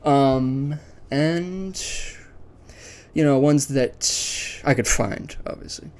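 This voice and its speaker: Speaking extremely slowly at a medium pitch with a darkish tone, a man hosts a video ranking a series list. He talks casually without a script, musing aloud and giving his views.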